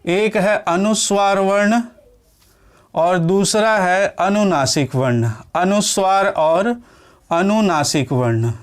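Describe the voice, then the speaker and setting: A man teaching an exam-prep class, explaining step by step, asking the class questions and answering them, and slowly sounding out letters to show how they are said. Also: high-pitched, smooth. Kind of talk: classroom lecture.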